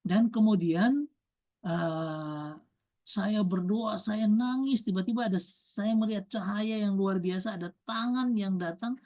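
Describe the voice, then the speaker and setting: A woman's voice: mid-range voice, measured pace, warm tone, voice pushed up, natural voice. A woman voicing a young woman who tells her preacher about a vision she had while praying, in a plain sermon retelling. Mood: awed, earnest.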